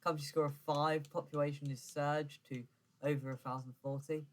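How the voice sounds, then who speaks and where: Rambling young gaming commentator. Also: male voice, on the high side, little pitch movement, normal speed. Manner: rambling, self-correcting, lots of fillers. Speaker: gaming YouTuber. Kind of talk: casual gameplay commentary.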